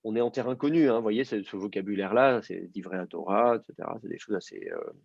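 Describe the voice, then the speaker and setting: A man's voice: on the low side, big pitch swings, quick pace, gravelly, a little mellow, no echo, muffled recording. A man teaching a language class, explaining step by step and quizzing his student. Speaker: Hebrew teacher. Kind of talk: live class instruction.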